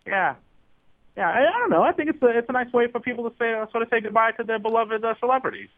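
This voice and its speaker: A man's voice: extremely high pitch, fast talker, dry recording, phone-quality sound. A man voicing a shameless male TV network executive who talks blithely and unapologetically, with frequent uhs. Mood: matter-of-fact. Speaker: comedy podcast guest character.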